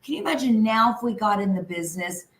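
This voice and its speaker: A woman's voice: mid-range voice, expressive, fast talker, fairly bright tone. A woman co-hosting a podcast, reminiscing in a chatty, casual way. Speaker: podcast co-host. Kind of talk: casual chat. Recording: echoey room, faint background noise.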